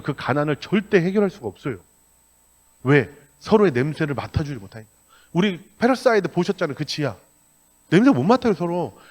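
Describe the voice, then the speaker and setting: A middle-aged man preaches a sermon in a church, slipping into blunt, everyday speech. His voice sits fairly high. It swings lively as he acts out the conversations in his stories. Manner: animated storytelling with acted-out dialogue; colloquial and blunt. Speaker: pastor. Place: church sanctuary.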